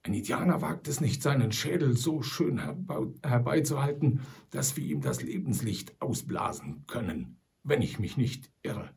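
A man's voice: mid-range voice, very animated, moderate pace, creaky, a little mellow. A man voicing a stubborn old male frontier trapper who talks in a quirky old-timer way, sprinkling in English words. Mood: gruff, suspicious.

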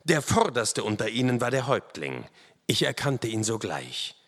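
A man reading a first-person adventure story aloud in a dramatic, expressive way. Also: mid-range voice, normal speed. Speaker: audiobook narrator. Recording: long hall reverb.

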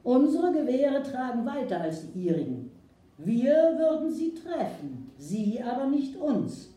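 Woman doing a calm stern frontier hero, firm commands, slow, echoey distant room. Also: high-pitched, pitched above the performer's own voice.

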